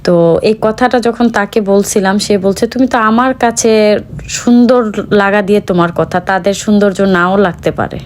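A woman's voice: medium pitch, moderate pace. A young woman from Bangladesh chatting casually to her viewers in a home vlog. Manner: chatty, talks softly to her child. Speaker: vlogger.

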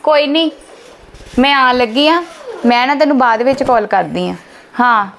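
A rushed young college student, played by a woman, heading out the door. She talks in a high voice and keeps pressing her point, hurried and insistent. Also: gravelly, fairly bright tone. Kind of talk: amateur family drama acting.

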